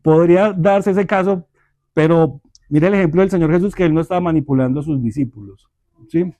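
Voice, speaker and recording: Measured man leading a church parenting class. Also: on the high side, dark tone, no room sound. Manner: measured, deliberate, with tag questions to listeners. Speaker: Bible study teacher.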